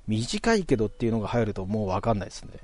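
A man casually telling a ghost story in a relaxed, conversational way, stretching out some phrases. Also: fairly low pitch, very fast.

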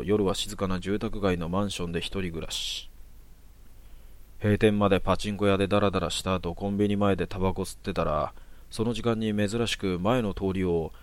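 A man calmly reading out short horror stories in a matter-of-fact manner. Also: deep voice. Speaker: storyteller. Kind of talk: narrated horror story.

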